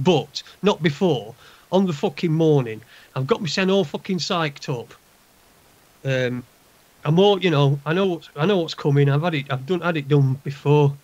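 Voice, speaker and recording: Dull internet-call sound, gruff Northern English man, under the weather, fairly high pitch, blunt sweary casual talk. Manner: heavy swearing, blunt, aggrieved. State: unwell, recovering from a hospital procedure. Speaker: guest calling in. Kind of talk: casual chat, venting.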